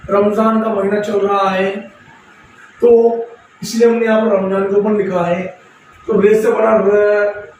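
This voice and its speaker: Man, high voice, teacher, patient step-by-step explaining, self-answered questions, very echoey room, heard from a distance. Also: darkish tone, slight background noise. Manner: explaining patiently, repeating letters and asking questions he answers himself. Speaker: Urdu teacher. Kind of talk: step-by-step script lesson.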